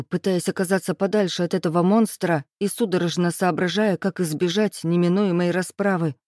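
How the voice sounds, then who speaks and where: A woman reading a first-person novel aloud as audiobook narrator, with steady, even storytelling. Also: lowish voice, dry recording, clean studio sound.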